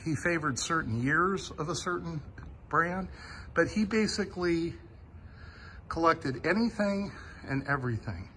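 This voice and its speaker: A man's voice: fairly high pitch, lively intonation, measured pace, bright, forceful tone, a little hiss or hum. A man filming a casual walk-through of a vehicle museum on his phone, talking with awe about the collection. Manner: enthusiastic, awed. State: a bit sweaty after driving. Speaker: vlogger touring a vehicle museum. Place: large indoor vehicle warehouse.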